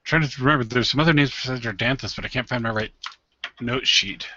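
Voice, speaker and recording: A man's voice: medium pitch, fast, pushed and bright, a little hiss or hum. A man chatting casually as a tabletop game player, tentative and often trailing off. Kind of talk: casual chat. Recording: dull lo-fi audio.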